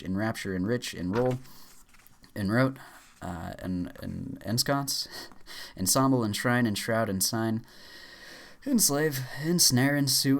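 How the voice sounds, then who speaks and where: Low-voiced man rattling off a word list. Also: creaky. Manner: rushed, stumbling with frequent uh fillers and restarts. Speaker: YouTuber. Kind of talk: rapid-fire reading aloud of a word list.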